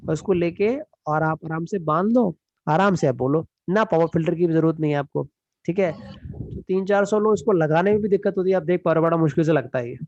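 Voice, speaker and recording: A man with a gravelly, slightly high voice teaches a live online class in a relaxed, chatty way. He keeps checking in with his students. He switches between a studio mic and a headset mic, sometimes speaking from across the room. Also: a little fast, dull audio. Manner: explains casually, checks in often with "ठीक है?". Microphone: USB studio mic and headset mic in turn. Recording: voice moves between mics, often from far off.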